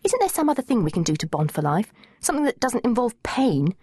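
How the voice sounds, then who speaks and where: A woman's voice: a little high, very animated, quick pace, dark tone, breathy edge, dry recording, clean studio sound, voice pushed up. A woman narrator voicing a squeamish, dramatic teenage girl who protests and pleads in a whiny manner. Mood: breezy.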